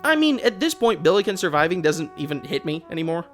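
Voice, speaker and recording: Talking quickly with big pitch swings in a medium-pitched voice, a video essayist rants sarcastically about a video game. The host sounds exasperated and opinionated and swears freely, with faint music in the background.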